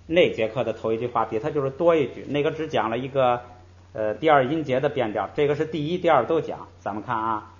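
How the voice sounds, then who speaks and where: A man's voice: medium pitch, fast. Guy teaching a language lesson, patient, drawls out example sounds, kinda dull lo-fi audio. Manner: explains patiently, drawing out example syllables and often saying "hey" between points. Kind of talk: classroom-style lecture. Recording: slightly muffled recording.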